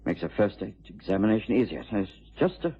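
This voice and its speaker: A bluff, obliging English doctor, with a very husky voice that swings widely up and down. He sounds like a detective's puzzled companion in an old radio drama, hesitant and exclamatory. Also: fairly low pitch, big pitch swings, quick pace, lo-fi sound, heavily acted. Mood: businesslike. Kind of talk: vintage radio drama acting.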